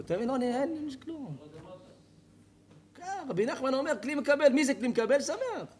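A man with a fairly high voice delivers a rabbi's sermon to an audience in a hall. He talks in an animated storytelling way, asks the listeners questions and slips in jokes. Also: a little hiss or hum. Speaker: rabbi giving a Torah lecture. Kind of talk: lively sermon to a live audience.

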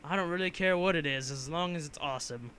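A young man talks over his gameplay in a bright, slightly raised voice, rambling and joking with frequent fillers. He has a lingering cough. A faint hiss sits under the recording. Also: fairly high pitch, fast. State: coughing from a cold. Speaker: gameplay commentator. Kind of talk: casual game commentary voice-over.

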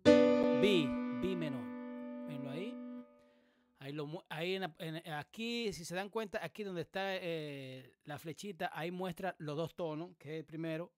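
A man hosting a music production tutorial, explaining things casually with many pauses and fillers. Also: fairly high pitch. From Dominican Republic. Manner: relaxed, explanatory, many hesitations. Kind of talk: casual screen-recorded tutorial. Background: beat playing in the background.

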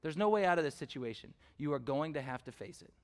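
A man's voice: a little high, animated, fast. A man preaching a sermon, telling personal stories in a conversational way, with fillers and questions put to the congregation. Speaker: pastor.

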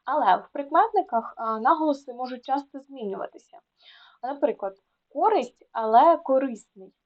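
A woman tutor explaining a lesson to students, repeating words slowly to contrast where the stress falls, with small fillers between them. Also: high-pitched, expressive. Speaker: Ukrainian language tutor. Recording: dull lo-fi sound.

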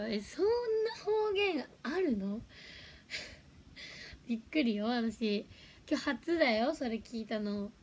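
A woman's voice: fairly high pitch, slight background noise. A young woman chatting casually on a livestream, giggling and reacting to viewer comments. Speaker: livestream host.

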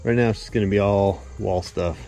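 A man in his thirties chatting casually to the camera while framing a barn outdoors, thinking out loud in a rambling, laid-back way. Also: on the low side, steady tone, brisk, loud music behind the voice. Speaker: builder vlogger. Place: outdoors at a barn construction site. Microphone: action camera, sometimes head-mounted.

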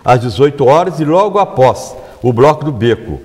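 A man, talking as a guest in a TV studio interview, animated and often correcting himself mid-phrase. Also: medium pitch, normal speed, big-room sound. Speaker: carnival band organizer, guest. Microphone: lapel mic.

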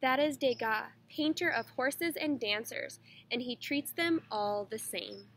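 A woman's voice: a little high, unhurried, fairly bright tone, a little hiss or hum. A woman voicing a young girl ballet pupil who explains things in a confiding way.

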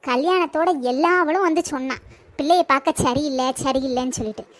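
A woman's voice: high-pitched, a little fast, natural voice. A woman playing a nagging, self-pitying older mother-in-law in a comedy skit, grumbling and whiny. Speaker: comedy sketch actor.

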